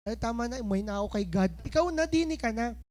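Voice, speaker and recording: A woman pastor with a high voice delivers a lively, playful sermon. She acts out a scene with a volunteer and slows down to read scripture with care. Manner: animated, playful, switches between preaching and slow scripture reading. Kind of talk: lively sermon with a live demonstration.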